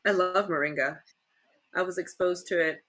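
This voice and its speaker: Bright husky-voiced woman host. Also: lowish voice, moderate pace. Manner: chatty, laughs often. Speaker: livestream host. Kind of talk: casual livestream chat.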